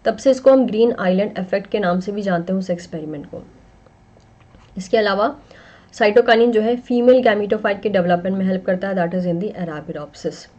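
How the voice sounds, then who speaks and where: A young woman with an Indian accent teaches botany for an exam-prep course. She explains in a steady, mid-pitched voice and keeps pausing on little connecting phrases. The recording is slightly dull and lo-fi. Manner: explains in mixed Hindi and English, frequent "that is" and "ठीक है". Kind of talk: online exam-prep lecture.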